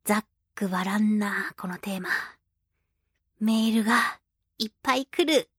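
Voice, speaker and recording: Her mid-range voice is slightly rough and a bit bright, moving at normal speed in a dry, studio-quality recording. As a playful radio host who also sings for children, she laughs often, acts out quoted voices and chats casually through listener mail themes.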